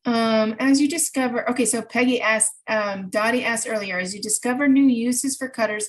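Her voice sits on the high side as this middle-aged presenter responds to questions during a casual online workshop held indoors in her home craft room. She walks through things step by step, using examples. Sound comes through a video-call computer mic and is poor.

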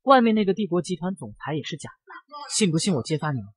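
A man's voice: big pitch swings, fast talker, husky, no echo, exaggerated voice. A man voicing a scheming young woman who poses as an heiress, fawning and spiteful by turns, in a comic recap. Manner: fawning, then shrill and spiteful.

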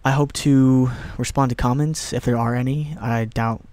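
A young man giving casual let's play commentary on a horror game, excitable, muttering to himself and swearing. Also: medium pitch, normal speed, no echo.

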